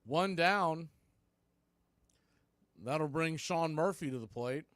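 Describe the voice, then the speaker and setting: A baseball play-by-play announcer on live sports radio, his voice a little high for a man, calls the game in short, clipped phrases broken by pauses. The sound is very dry with no room echo, and his tone is clean and a bit bright.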